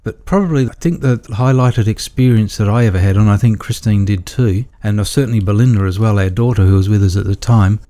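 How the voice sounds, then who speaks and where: A man's voice: lowish voice, brisk, hardly any pauses, dark tone. Man telling a rambling story. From Australia. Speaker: guest, electrician. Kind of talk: storytelling interview.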